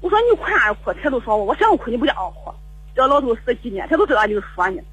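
A woman's voice: fairly high pitch, animated, very fast, a bit bright, slightly rough, no room sound, poor audio. An older woman calling in to a radio show, telling a long story in a rambling, repetitive way with stammering restarts. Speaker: caller. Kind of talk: call-in radio chat. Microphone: phone call.

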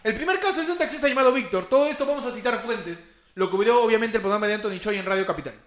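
A young adult man with a Peruvian Spanish accent, hosting a casual chat and retelling spooky taxi stories with slang and animated asides. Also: high-pitched, racing, echoey room. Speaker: podcast host.

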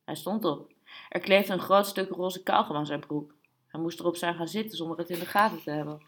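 A woman reading literary fiction aloud in a calm, measured way. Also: lowish voice. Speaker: audiobook reader. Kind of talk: literary narration.

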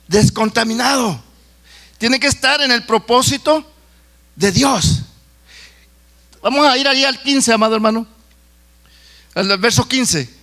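A man's voice: very high voice, bright, forceful tone. A middle-aged man preaching a sermon, talking to the congregation in a conversational way with stories and jokes.

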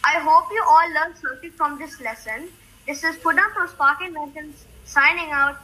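A woman with a high, bright voice hosts an educational science series for children. She reads scripted explanations aloud with care, setting out each point as a lesson. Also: normal speed, rough recording.

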